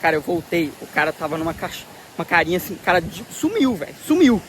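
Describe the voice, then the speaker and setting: A Brazilian man tells a travel story to his camera in a casual vlog, excited and slangy, acting out the dialogue. His voice sits high. Faint outdoor noise by the sea is heard under him. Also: fast talker. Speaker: travel vlogger.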